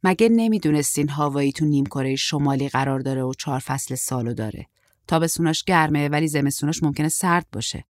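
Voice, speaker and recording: A woman's voice: low voice, no room sound, natural voice. A woman voicing a brusque, terse middle-aged woman who talks in a dry, impatient way.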